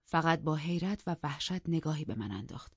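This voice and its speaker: A woman narrating an audiobook in a calm, measured storytelling manner. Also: low-pitched, slightly rough, no echo, lo-fi sound. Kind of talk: scripted narration.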